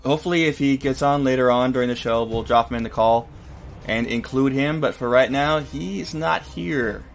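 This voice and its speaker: A man with a mid-pitched voice hosts a casual podcast. He talks in an informal, bantering way, with faint music behind him. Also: moderate pace, gravelly. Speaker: podcast host.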